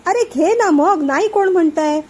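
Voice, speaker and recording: A woman's voice: very high-pitched, lively intonation, moderate pace, a little mellow, voice pushed up. A woman voicing a teasing, level-headed young wife who jokes with an upset friend in a storybook reading. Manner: teasing, jokey.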